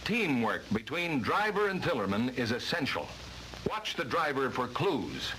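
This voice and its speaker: A man's voice: medium pitch, very animated, measured pace, bright, forceful tone. An American man narrating a vintage 1950s-style instructional film from a script, with a formal, emphatic delivery. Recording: noisy vintage training film soundtrack.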